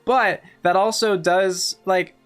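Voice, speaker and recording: A woman's voice: mid-range voice, steady tone, takes it slowly, clear, resonant tone, soft background music. A woman commenting casually on a game as she plays, thinking aloud in a chatty way. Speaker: game streamer. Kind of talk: casual let's-play commentary.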